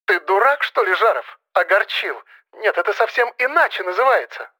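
A man's voice: fairly high pitch, normal speed, bright, forceful tone, breathy edge, no room sound, pitched above the performer's own voice. A man reading an audiobook, voicing a hurt young woman who reproaches him and is close to tears. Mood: hurt, indignant. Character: upset young woman, tearful and indignant. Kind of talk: audiobook character voice.

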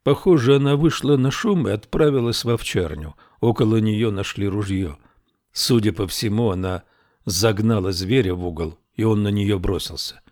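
A kindly country gendarme speaks low and softly, calming and firm, as a male reader plays him. The voice sits deep and the recording is dry and close. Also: moderate pace, no echo, close to an everyday voice. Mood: soothing. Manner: low, soft, soothing.

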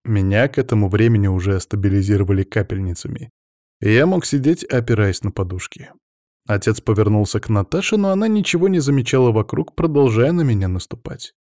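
A man narrating a first-person story as an audiobook in a measured storytelling manner. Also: on the low side, expressive, warm tone, no echo, clean studio sound.

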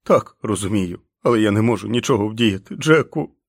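A man's voice: fairly low pitch, expressive, brisk, dry recording, clean studio sound. A man doing a whimpering, tearful wolf-man. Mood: tearful, soft. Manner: whimpering, pleading. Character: huge gentle wolf-man, tearful and childlike.

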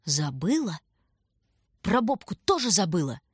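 A woman's voice: lowish voice, big pitch swings, a little slow, breathy edge, dry recording, clean studio sound, full character voice. A woman doing a grim, firm young girl. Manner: quiet, firm, curt.

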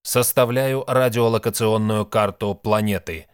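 A man reading an audiobook, voicing a ship's computer with a flat, mechanical, measured delivery. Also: fairly low pitch, clean tone, no room sound, clean studio sound, close to an everyday voice. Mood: monotone report.

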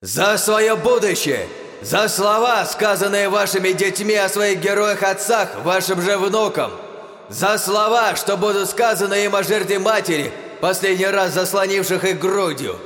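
Man doing a grim hero's roaring proclamation, high strained pitch, cavernous echo, long reverb tail. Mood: booming. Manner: slow, drawn-out, shouted proclamation. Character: grim male hero booming a magically amplified war speech. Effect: heavy cave-like echo and long reverb. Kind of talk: audiobook character reading.

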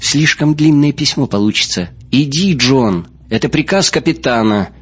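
A man reads as a young woman ship captain, wry and brisk, who gives orders in a commanding tone. His voice sits a little low and sounds husky. The recording is muffled and lo-fi.

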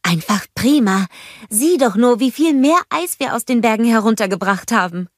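A woman's voice: fairly high pitch, expressive, normal speed, dry recording, studio quality, voice pushed up, lightly acted. A woman voicing a practical young man who sells ice, in a storybook reading. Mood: worried.

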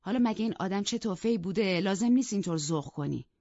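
A woman voicing a stiff, sulky gentleman husband in an audiobook, speaking curtly and grumbling. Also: mid-range voice, animated, no room sound. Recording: dull, dry lo-fi studio audio.

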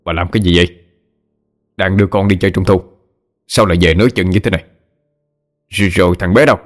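Guy doing a low gruff rich old master, barking and bullying, horror audiobook. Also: fairly quick, close to an everyday voice. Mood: alarmed. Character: harsh older rich master, quick to rage.

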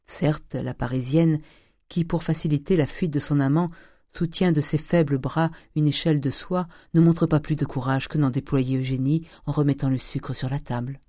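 A reader narrating a classic novel in a measured, even way. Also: medium pitch, no room sound, studio quality. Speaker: audiobook reader. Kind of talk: literary audiobook narration.

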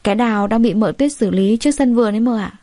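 A woman voicing a young servant girl who speaks timidly and deferentially. The voice is high and mellow in a dry, close recording. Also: fast, dry recording, close to an everyday voice. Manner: deferential, eager.

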